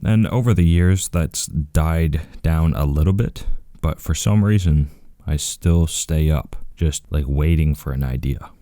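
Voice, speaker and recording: Super deep quiet guy rambling in a vlog, right up on the mic, dry sound. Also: a little slow, no echo. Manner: quiet, laid-back, rambling talk. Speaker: video creator. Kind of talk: casual talking vlog. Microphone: close microphone.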